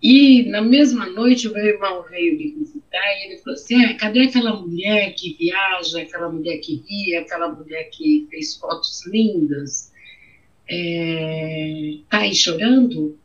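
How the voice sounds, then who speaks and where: A woman's voice: lowish voice, animated, a little slow. A middle-aged woman with a Brazilian accent, telling her own story in an interview, emotional and repeating her phrases. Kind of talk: personal testimony in an interview. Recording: dull, muffled audio.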